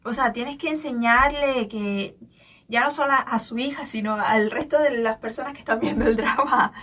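A woman's voice: a little high, normal speed, recorded from a distance. Emphatic woman guesting on a chat podcast. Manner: animated, emphatic. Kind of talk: casual chat.

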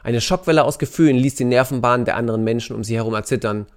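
A man reading a novel excerpt aloud in an intense, expressive storytelling manner. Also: medium pitch, very fast, clean tone. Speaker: narrator. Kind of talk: dramatic audiobook reading.

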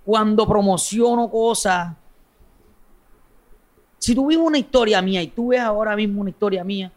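Casting: male content creator, coastal Colombian accent, high voice, outspoken and sweary, casual interview talk. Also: moderate pace. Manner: blunt, slangy, foul-mouthed. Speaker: social media content creator being interviewed.

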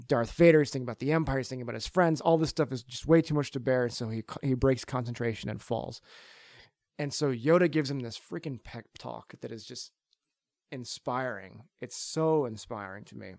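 A man chatting on a casual podcast, rambling through long, excited thoughts. His speech is packed with "like" and "you know". His voice is mid-pitched and dry, close to the mic with no room echo. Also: vocal fry. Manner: rambling, enthusiastic, many fillers. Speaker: podcast host. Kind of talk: casual chat.

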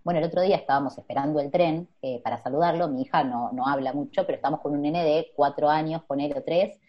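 A woman's voice: sits low, fast talker, highs cut off. A woman with a Rioplatense accent, a mother chatting casually and thinking aloud in long, rambling turns. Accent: Rioplatense Spanish. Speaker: guest, mother and influencer. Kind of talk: casual chat.

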